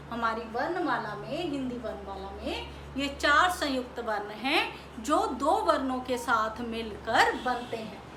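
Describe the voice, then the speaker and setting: Slow, bright-voiced woman teaching children letters. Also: high-pitched. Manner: slow, patient, asks questions and answers them herself; sounds out letters and stretches syllables. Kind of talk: Hindi lesson for young children. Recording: echoey room with faint background noise.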